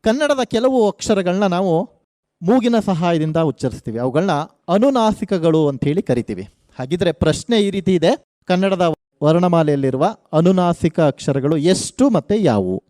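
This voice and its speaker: Lively man hosting a radio quiz. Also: sits high, no echo, clean studio sound. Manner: energetic, coaxing contestants, slow emphatic questions. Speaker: quizmaster.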